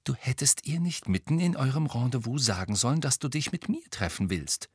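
A patient, know-it-all teenage girl witch, as a male audiobook reader puts her on. She talks slowly and explains everything with exaggerated patience, pitched above the reader's own voice. Close, dry recording. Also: very animated, husky, no room sound.

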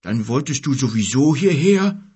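A man's voice: medium pitch, sing-song, moderate pace, mellow, slightly rough, pitched above the performer's own voice. A man voicing a rude male bear who grumbles and insults with indignation. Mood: grumbling, rude.

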